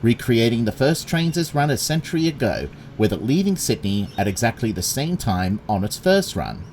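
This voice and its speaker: A man's voice: mid-range voice, very animated, normal speed, a little mellow, a little hiss or hum. A man giving plain, factual scripted narration in a railway documentary style.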